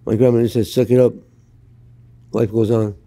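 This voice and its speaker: A man's voice: medium pitch, flat delivery, normal speed, warm tone. An older man from Canada telling his life story in an interview, blunt and plain-spoken. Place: outdoors in Los Angeles.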